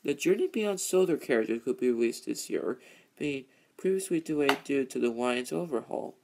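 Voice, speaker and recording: A man hosting a casual, rambling vlog, halting and repeating his phrases as he goes. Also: mid-range voice, expressive, gravelly, noisy background. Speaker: video host, toy train hobbyist.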